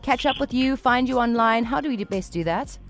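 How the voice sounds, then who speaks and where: A woman with a South African accent hosting a casual radio chat, animated as she retells things and often saying "like". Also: fairly high pitch, a little fast, faint music behind. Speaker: radio show host.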